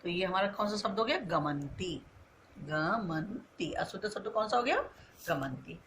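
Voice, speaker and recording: A woman's voice: mid-range voice, animated, a little fast, noisy background. A woman teaching a Sanskrit lesson to schoolchildren, asking questions and answering them herself, stretching out the answers. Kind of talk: online class lesson.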